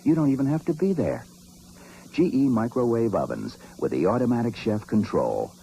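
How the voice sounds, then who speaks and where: A man's voice: mid-range voice, big pitch swings, normal speed, gravelly, dark tone. A man reading scripted TV commercial narration as an announcer. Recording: faint noise of old TV soundtrack.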